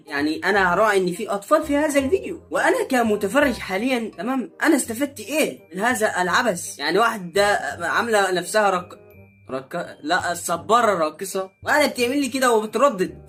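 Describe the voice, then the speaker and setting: A man's voice: high voice, pushed and bright. A man with an Egyptian accent hosting a comic reaction video, teasing and mocking what he watches. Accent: Egyptian Arabic. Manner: mocking, teasing running commentary.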